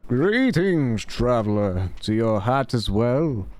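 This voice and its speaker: A man voicing a stately riddling sphinx from a video game, speaking in a slow, formal, drawn-out way. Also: medium pitch, big pitch swings, a little mellow, no room sound. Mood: stately, testing. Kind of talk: video game dialogue read aloud in character.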